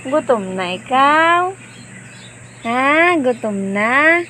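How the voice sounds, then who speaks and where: A woman's voice: high-pitched, expressive, drawn-out words, bright, forceful tone, a little hiss or hum. A woman with a Filipino accent talking to a baby in playful, sing-song baby talk, repeating short questions and nonsense syllables. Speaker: parent or carer of a baby.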